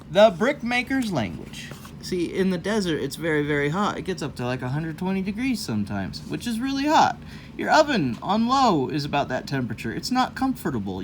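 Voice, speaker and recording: A woman with a very deep voice reads a children's book aloud expressively, stopping for informal, explanatory asides to young listeners. There's slight background noise.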